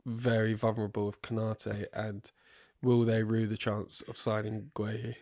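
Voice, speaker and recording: A man's voice: lowish voice, completely flat delivery, normal speed, a little mellow, no echo, studio quality. A young man, co-hosting a football chat and moving things along with casual questions. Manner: easygoing, poses topics as questions. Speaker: podcast co-host asking questions.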